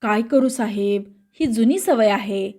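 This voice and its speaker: A woman's voice: on the high side, unhurried, warm tone. A woman reading the part of a meek, sleepy male government clerk who snores. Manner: meek, apologetic.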